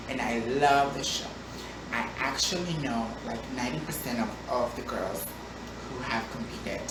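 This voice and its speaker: A woman vlogging, answering viewer questions in a chatty, playful way with frequent ums and restarts. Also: rumbling low. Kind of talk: casual Q&A vlog. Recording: echoey room, distant mic, background noise.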